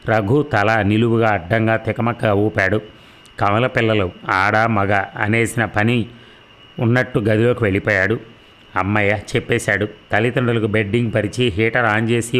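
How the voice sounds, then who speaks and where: A man with a lowish voice reads a novel aloud. His narration is steady and measured, in a plain storybook manner.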